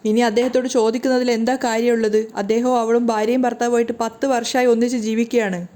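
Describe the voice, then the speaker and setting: A woman's voice: on the high side, flat delivery, fast talker, warm tone, natural voice. A woman voicing a betrayed middle-aged wife in a wheelchair, pleading in grief. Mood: grieving.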